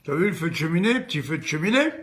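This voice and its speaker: A man's voice: on the high side, big pitch swings, fast, a bit bright. A man telling dirty jokes in a chatty stand-up style, talking straight to the listener.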